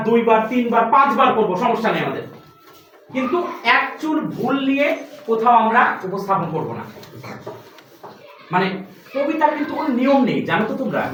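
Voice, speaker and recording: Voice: medium pitch, a bit bright, a little hiss or hum. Distant teacher in a very echoey classroom. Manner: patient, quizzes students with repeated questions. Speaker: recitation and pronunciation teacher. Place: classroom with benches. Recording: very echoey room, distant mic.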